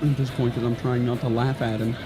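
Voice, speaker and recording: A man's voice: medium pitch, little pitch movement, brisk. A laid-back man playing a tabletop game, answering in short, dry replies. His voice sits in a middle range. Faint music plays behind him. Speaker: player. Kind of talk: casual game chat.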